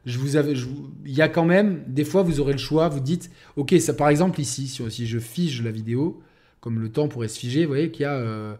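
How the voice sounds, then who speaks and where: A man's voice: medium pitch, a little fast, mellow. Rambling French-speaking man reviewing a game. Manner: rambling, many restarts and fillers. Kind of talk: casual video game review.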